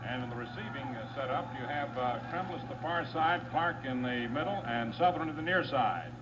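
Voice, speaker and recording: Announcer, man, fast-listing names and yardage, muffled old wire recording, steady hiss. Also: mid-range voice. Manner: brisk, reels off names, yard lines and down-and-distance. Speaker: play-by-play announcer. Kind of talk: live radio football play-by-play.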